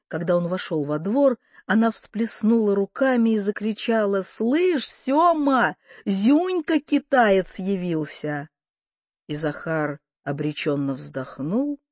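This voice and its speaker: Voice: mid-range voice, a little mellow, no room sound. A narrator reading literary fiction aloud, in a dry, dull lo-fi audiobook recording.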